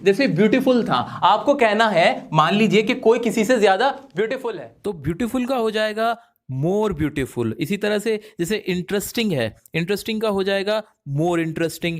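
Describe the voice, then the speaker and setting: A man teaching an English grammar lesson, lively, asking questions and answering them himself, explaining slowly with playful little stories. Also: sits high. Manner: lively, asks and answers his own questions.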